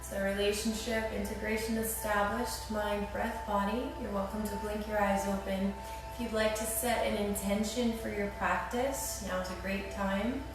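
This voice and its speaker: A woman's voice: mid-range voice, level tone, moderate pace, distant mic. Soothing yoga teacher lady guiding a class, super echoey room, music going behind her. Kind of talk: guided yoga class instruction.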